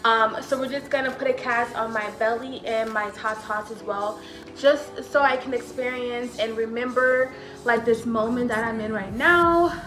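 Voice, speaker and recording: A woman's voice: on the high side, normal speed, echoey room. A young adult woman vlogging to camera in a loose, chatty way, slightly out of breath, often trailing off with filler phrases. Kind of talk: casual chat to camera.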